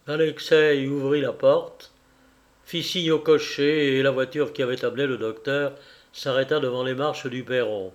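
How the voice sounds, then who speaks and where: A man narrating a classic novel in a measured, even reading. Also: medium pitch. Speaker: audiobook narrator.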